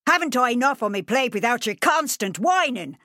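A woman's voice: on the high side, big pitch swings, brisk, pushed and bright, dry recording, clean studio sound, pitched above the performer's own voice. A woman reading an audiobook, voicing a harsh, scolding middle-aged farmer who is the father.

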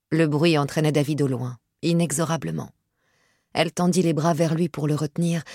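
A woman narrates a novel in a low, husky voice. Her reading is measured and steady, and the recording is close and dry with no room sound. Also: no room sound. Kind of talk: audiobook narration.

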